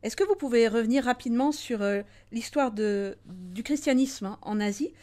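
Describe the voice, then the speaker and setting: A woman's voice: fairly high pitch, animated, moderate pace, a little mellow. A woman interviewing a guest, asking composed questions and rephrasing his points.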